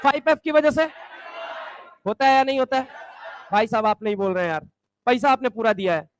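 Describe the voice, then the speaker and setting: A man teaching chemistry to a class, bantering and teasing students and drilling mnemonics slowly, sometimes shouting key points. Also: very high-pitched, some chatter behind, slight background noise. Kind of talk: classroom lecture with call-and-response.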